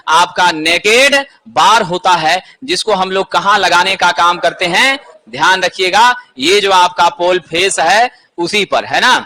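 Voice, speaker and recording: A man's voice: sits high, bright, forceful tone. A man teaching an exam-prep lesson, asking questions and answering them himself.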